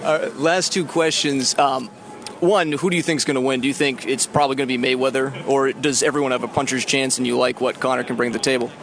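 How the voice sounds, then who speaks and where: A male interviewer speaks quickly in a mid-pitched voice, firing off his questions outdoors at an event. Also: steady tone, a bit bright, a little hiss or hum. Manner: brisk, questioning. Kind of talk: street interview.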